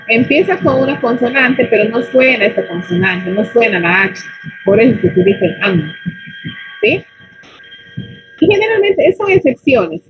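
A fairly high-voiced woman teaching beginners English over an online call. She explains in Spanish, says English words slowly and often asks "¿no?" and "¿ya?" to check that her students follow. Faint music can be heard behind her. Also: breathy edge, poor audio.

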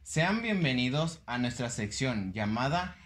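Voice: big pitch swings, a little slow. A performer voicing a friendly twelve-year-old cartoon boy whose voice is breaking, presenting a children's lesson. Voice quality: deepening adolescent voice.

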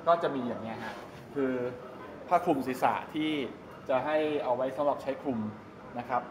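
At a normal speed and medium pitch, a middle-aged man rambles and explains as he shows viewers around a large open-sided go-kart pit hall, vlogger-style. A 360 camera at arm's length captures him amid roomy echo and loud ambient noise.

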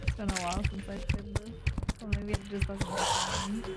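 Casual woman gamer, medium pitch. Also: little pitch movement, moderate pace, very noisy. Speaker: co-player on a game stream. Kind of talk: casual gaming chat. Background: music.

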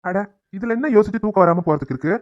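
A man's voice: high voice, fast, no room sound, highs cut off, close to an everyday voice. A man voicing a teasing, dismissive middle-aged husband in a cartoon family drama. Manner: dry, mocking.

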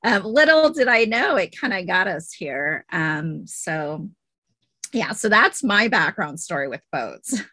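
Slow, bright-voiced woman on a video call. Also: medium pitch, very animated, dry recording. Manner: hesitant, many fillers, laughs lightly. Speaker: interview guest. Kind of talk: casual video-call interview. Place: home room, indoors. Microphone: video call webcam.

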